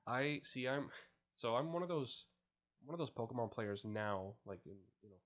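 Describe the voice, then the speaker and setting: A man's voice: medium pitch, normal speed. A young man chatting as a podcast guest, telling stories with acted-out quotes and frequent laughter. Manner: animated storyteller, laughs often, acts out quotes. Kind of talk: casual chat.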